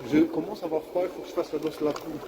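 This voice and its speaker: A young male vlogger rambles outdoors about his day in casual slang, self-mocking as he complains of being cold and coming down with a bug. His voice is fairly high and fairly even in intonation, delivered rapid-fire against a noisy background.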